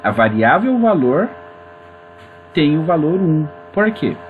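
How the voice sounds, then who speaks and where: Man, informal programming teacher, lively up-and-down delivery, audible mains hum on the track. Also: fairly high pitch, slow pace, phone-quality sound. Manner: chatty and informal, addresses viewers as gente. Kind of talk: screen-recorded coding tutorial.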